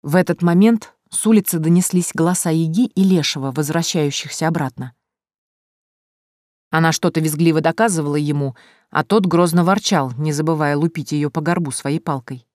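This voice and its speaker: A woman narrating a fairy-tale audiobook in first person, lively and expressive. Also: low voice, moderate pace, no echo, studio quality.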